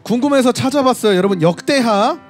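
A man's voice: extremely high pitch, expressive, brisk, soft background music. A man preaching a sermon at a street worship service, retelling scripture and speaking straight to his listeners. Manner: storytelling, reading scripture aloud and addressing the audience directly.

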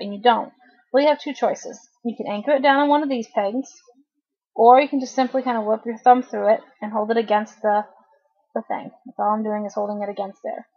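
Breathy woman explaining a loom craft. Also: on the high side, darkish tone, muffled recording. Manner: chatty, informal, self-correcting, talks while working hands-on. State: cough drop in her mouth. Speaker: craft tutorial host. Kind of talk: casual step-by-step tutorial.

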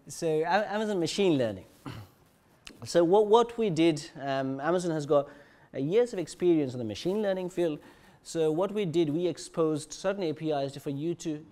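Halting male tech presenter. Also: fairly high pitch, a little mellow. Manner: halting, with many fillers and restarts. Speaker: conference presenter. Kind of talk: technical conference talk. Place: conference session room.

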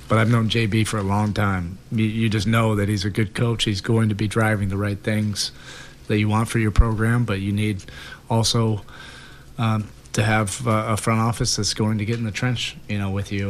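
Seated at a table mic in a press room with a sponsor backdrop behind him, a head coach in his forties fields questions. His lowish voice is flat and at normal speed, thoughtful but full of fillers and repeated words, with slight background noise.

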